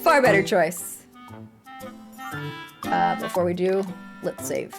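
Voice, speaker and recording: A woman streaming live gameplay, talking in an animated, playful way and swearing casually. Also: fairly low pitch, takes it slowly, creaky. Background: faint game music.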